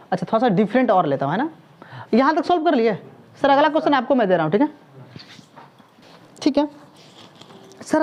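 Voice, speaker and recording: A very high-pitched man with a somewhat dark tone lectures a classroom on physics, mixing Hindi with English terms. He shoots questions at the students, ends almost every line with "sir," and scolds them whenever they stall.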